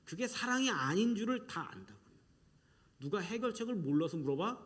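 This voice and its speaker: A middle-aged male pastor preaching a sermon in an animated way, acting out quoted voices and sometimes dropping to a soft whisper. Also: high-pitched, fairly quick.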